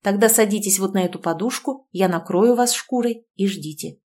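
A woman's voice: mid-range voice, normal speed, natural voice. Woman reading as a solemn male councilor. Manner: formal, ceremonial, loud announcing. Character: solemn male clan councilor leading a wedding rite.

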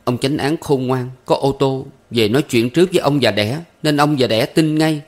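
A man's voice: mid-range voice, moderate pace, pitched above the performer's own voice, lightly acted. A man voicing an anxious young man who humbly pleads with his elders. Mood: pleading.

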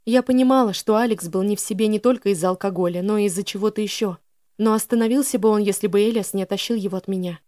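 A woman's voice: medium pitch, dark tone, no room sound, studio quality. A woman narrating a first-person audiobook in an emotional, dramatic reading.

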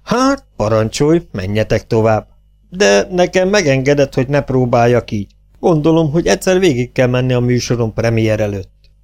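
A man voicing a hot-tempered middle-aged male theatre director who shouts in bursts. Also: mid-range voice, lively intonation, soft background music, lightly acted. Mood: irritated. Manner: shouting, explosive.

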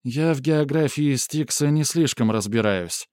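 A man reading an audiobook, voicing a wary, prickly young woman raider in a raised pitch. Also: measured pace, darkish tone, clean tone, dry recording, clean studio sound, natural voice. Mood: defensive.

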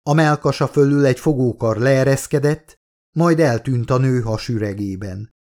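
A man reading his own novel aloud as an audiobook narrator. His voice sits at a middling pitch, and he tells the story in a steady, measured way.

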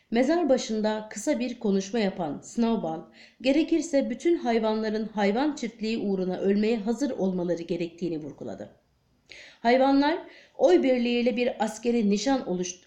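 A woman reads a novel aloud as an audiobook narrator, steady and measured. Her voice is mellow and warm, at an average pitch. The recording sounds roomy, with clear echo. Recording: echoey room.

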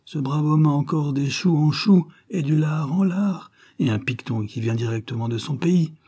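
A man's voice: on the high side, moderate pace, mellow, breathy edge, pitched above the performer's own voice. A man voicing a scornful, ranting atheist who mocks the idea of progress, declaiming fiercely.

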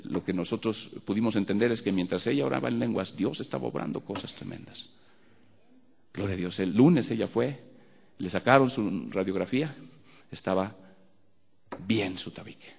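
A man's voice: fairly low pitch, vocal fry, a little mellow, slightly rough, long reverb tail. A man with a Mexican accent preaching a fervent sermon as a pastor in a church, repeating phrases of praise.

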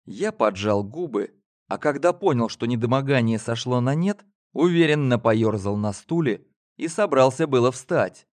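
Guy reading a first person audiobook, pitch moves around a lot, mid voice. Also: animated, moderate pace. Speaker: narrator.

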